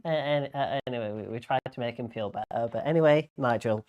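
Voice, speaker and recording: A bingo host calling a live game in a casual, unscripted way, with hesitant, halting delivery. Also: mid-range voice, darkish tone, muffled recording.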